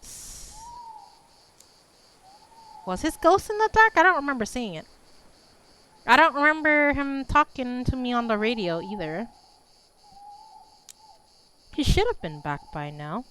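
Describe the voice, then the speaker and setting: A woman's voice: high voice, sing-song, unhurried, long pauses, fairly bright tone, voice pushed up, exaggerated voice. A woman voicing a worried old village elder man, weary and pleading, on a noisy recording. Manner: weary, pleading, then gruff.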